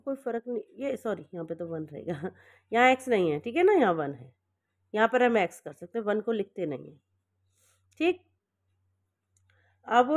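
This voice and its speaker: A woman with a fairly high voice teaches a maths lesson one step at a time. She keeps checking in with her students and corrects her own slips as she goes. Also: a little mellow.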